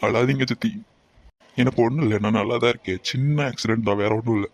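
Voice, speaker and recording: An actor voicing a shaken young man after an accident in an animated family drama, subdued, guilty and consoling. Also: mid-range voice, quick pace, no echo, highs cut off, lightly acted.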